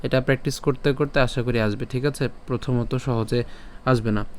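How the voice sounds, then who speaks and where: A man teaching scripture pronunciation, breaking verses into syllables, repeating each word patiently and chanting the lines slowly. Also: medium pitch, steady tone, a little mellow, a little hiss or hum. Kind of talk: slow syllable-by-syllable pronunciation lesson with chanted recitation.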